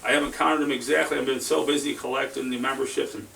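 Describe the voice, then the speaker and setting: A man's voice: medium pitch, fairly even intonation, gravelly, a bit bright. A man hosting a seed giveaway drawing in a folksy, chatty way, drawing out the winners' names as he reads them. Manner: folksy, chatty, announces names with drawn-out emphasis. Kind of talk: casual chat. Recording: home recording from a distance with faint hiss.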